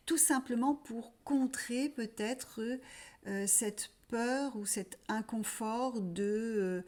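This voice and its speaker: A woman hosting a weekly spiritual message, talking gently and haltingly, with many fillers and restarts. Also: fairly high pitch. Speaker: spiritual channel host.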